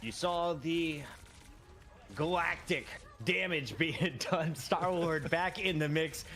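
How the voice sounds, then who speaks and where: A man's voice: on the high side, takes it slowly, fairly bright tone. A male esports desk host who steers the broadcast panel by putting questions to his co-casters. His conversational voice sits a little above the usual male range.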